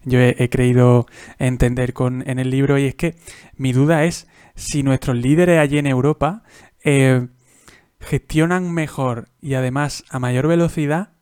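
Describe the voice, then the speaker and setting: Male interviewer, smooth voice. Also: medium pitch, fairly even intonation, darkish tone, no room sound, studio quality. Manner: frequent short backchannels, halting long questions. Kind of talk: conversational interview.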